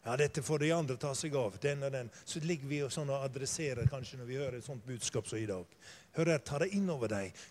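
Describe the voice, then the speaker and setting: An older man preaching a sermon, telling stories and swinging from quiet asides to loud, fervent emphasis. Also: medium pitch.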